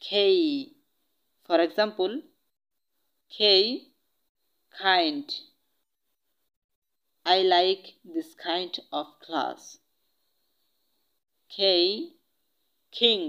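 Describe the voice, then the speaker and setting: Slow, careful Bengali-accented teacher. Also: mid-range voice, a bit bright, muffled recording. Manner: slow, careful drilling of words and example sentences. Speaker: spoken English teacher. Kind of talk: pronunciation lesson.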